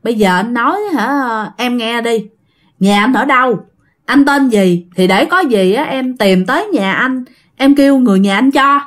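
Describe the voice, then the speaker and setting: A woman's voice: a little high, normal speed, natural voice. A woman voicing a hot-tempered younger brother who bluntly demands answers from a ghost. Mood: demanding.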